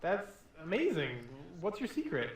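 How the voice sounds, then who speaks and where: A man's voice: high-pitched, huge pitch swings, normal speed, heavy reverb. A man playing a polite, earnest young investigator asking questions in an adventure game. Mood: earnest, inquisitive.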